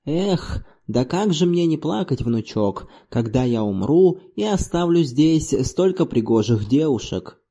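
A man's voice: high-pitched, sing-song, measured pace, dark tone, slightly rough, full character voice. A man reading an audiobook in the voice of a half-blind hundred-year-old grandfather, coaxing and tender. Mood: mournful. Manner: coaxing, doting.

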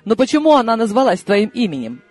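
A man reading an audiobook and voicing a sharp, sarcastic elderly grandmother who orders her granddaughter about. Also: high-pitched, sing-song, fast, soft background music, pitched above the performer's own voice. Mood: bossy, teasing. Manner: bossy, teasing.

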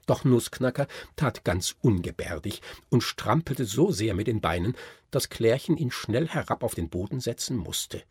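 A man reading an audiobook in expressive, lively storytelling narration. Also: medium pitch, moderate pace, slightly rough, no echo, clean studio sound. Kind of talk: scripted narration.

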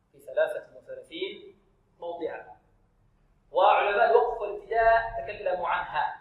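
Male recitation teacher, higher register, quizzing and drilling students, recorded in a reverberant room. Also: fairly bright tone. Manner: asks rhetorical questions, drills syllables aloud. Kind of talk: tajweed lesson with call-and-repeat drills.

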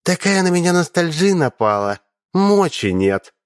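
A man's voice: very animated, a little slow, no echo, clean studio sound. A man putting on a flippant vain young woman. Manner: pitched up high, drawn out.

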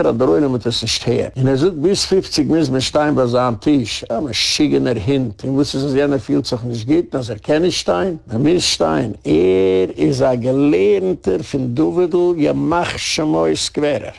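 A man's voice: fairly high pitch, gravelly, darkish tone. A man, a rabbi, giving a rambling, digressive talk, telling stories and chuckling often. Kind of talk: rambling informal lecture.

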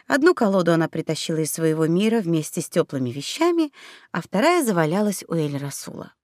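A woman narrating a fairy tale audiobook with expressive, playful storytelling on a close mic. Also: lowish voice, brisk, no room sound.

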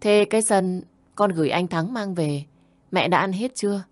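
A woman voicing a grown son working abroad who talks to his mother gently and reassuringly. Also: fairly low pitch, normal speed, no echo, close to an everyday voice. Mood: caring.

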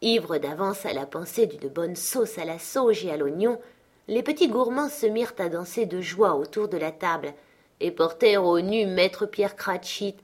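A woman narrating a classic story as an audiobook, with a lively, expressive reading. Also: on the low side, moderate pace. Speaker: audiobook reader.

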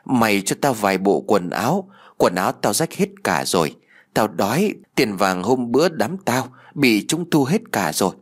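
A man's voice: lowish voice, big pitch swings, normal speed, husky. A man voicing a vengeful young ghost. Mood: mournful. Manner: eerie, menacing and pleading by turns. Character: hungry vengeful young male ghost turning demon. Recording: faint music behind the voice.

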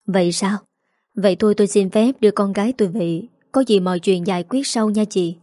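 A calm middle-aged father, read by a woman, speaks gently and politely. His voice sits in a medium pitch. The sound is close and dry. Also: a little fast, dry recording, close to an everyday voice.

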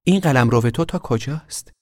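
A man's voice: mid-range voice, expressive, a little mellow, no echo, clean studio sound, voice pushed up, close to an everyday voice. Man putting on a haughty teasing noble girl. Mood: curious. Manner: mocking, imperious.

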